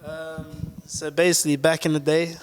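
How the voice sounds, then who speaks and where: A man's voice: fairly high pitch, level tone, moderate pace. A man telling a loose story as a guest, giggling and quoting his friends. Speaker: crew member guest. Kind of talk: casual storytelling. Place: small DIY studio.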